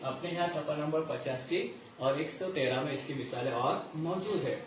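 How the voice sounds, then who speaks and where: A man teaching a grammar lesson. He repeats the terms slowly and asks and answers his own questions. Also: on the high side, a crowd in the background. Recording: muffled echoey distant recording.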